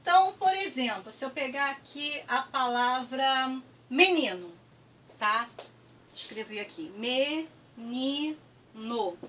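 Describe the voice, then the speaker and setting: Brief: Brazilian woman teacher, high voice, patient, drills syllables slowly, mic set back from her. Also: lively intonation, fairly bright tone, distant mic, a little hiss or hum. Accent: Brazilian Portuguese. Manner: patient, repeats words slowly with clapping, frequent "tá?" checks. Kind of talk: classroom review lesson.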